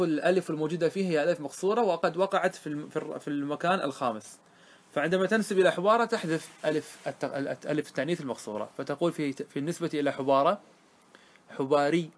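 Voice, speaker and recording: A middle-aged man gives a grammar lesson in a somewhat high voice. He explains each rule step by step and keeps checking that his listeners follow. When he quotes verse he slows down and recites it carefully. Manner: explains step by step, checks understanding with short questions; recites verse lines slowly. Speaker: teacher of Arabic grammar.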